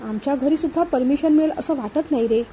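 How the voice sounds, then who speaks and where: Aarohi is an anxious young woman in love, guilt pressing on her, speaking softly and pleadingly in a storybook, as a woman narrator reads her. She sounds high and mellow, slightly lower and quieter than the narration. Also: quick pace, a little hiss or hum, natural voice, poor audio. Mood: anxious, tender.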